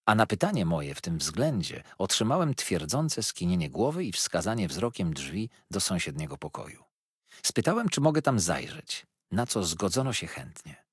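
A man narrating a classic novel in the first person with dramatic swells and pauses. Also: low voice, sing-song, husky, no echo, clean studio sound. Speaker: audiobook narrator. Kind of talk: expressive literary audiobook narration.

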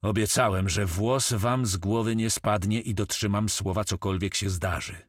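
A pirate captain gives terse orders in a low, steady voice that brooks no argument, as a male narrator does him. The dry, close reading makes him sound calm and in control. It is an adventure audiobook character. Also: normal speed, no room sound, natural voice. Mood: commanding. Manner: commanding, terse.

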